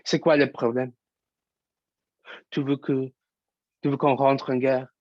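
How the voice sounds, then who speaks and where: A man's voice: medium pitch, little pitch movement, slow pace, dry recording, lightly acted. A young man as a restless young actor, urgent questions, dry dull sound, stage monologue. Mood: agitated. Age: young adult. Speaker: student actor.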